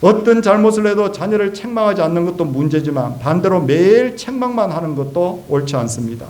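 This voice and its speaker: A male pastor delivering a Sunday sermon in a voice pitched a little high. He preaches with animation, posing rhetorical questions and acting out the speech he quotes. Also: lively intonation, fairly quick, darkish tone.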